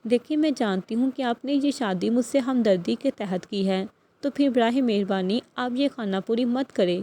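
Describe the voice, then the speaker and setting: A woman reads a tearful, stubborn young wife in an audiobook novel, pleading and protesting. The voice is fairly high and mellow. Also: lightly acted. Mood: fretful.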